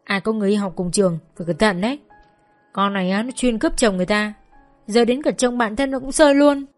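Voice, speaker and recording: A woman's voice: mid-range voice, fairly quick, soft background music, natural voice. A woman voicing a jealous young woman who screams vicious insults in a brawl, in a narrated audio story. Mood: screaming abuse.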